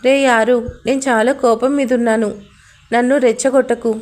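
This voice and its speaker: A woman's voice: a little high, little pitch movement, moderate pace, a little mellow, close to an everyday voice. A woman reading the lines of a troubled young man in a love story, by turns pleading and strained.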